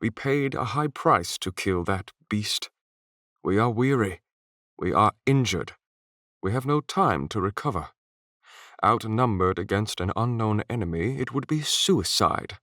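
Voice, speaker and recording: A man voicing a weary, cautious old male mentor who speaks with grave, measured pleading. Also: fairly low pitch, expressive, fairly bright tone, no echo, studio quality.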